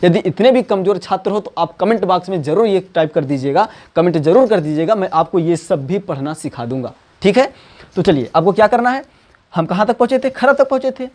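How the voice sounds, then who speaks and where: A man teaching math, coaxing students and repeating number names slowly. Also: high voice, expressive, a little mellow. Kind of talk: classroom lesson.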